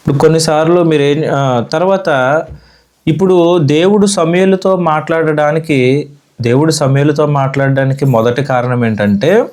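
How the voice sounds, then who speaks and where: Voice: medium pitch, moderate pace, pauses often, darkish tone. A Sunday school teacher from India giving a children's Bible lesson in a church classroom, asking the children questions and repeating their answers.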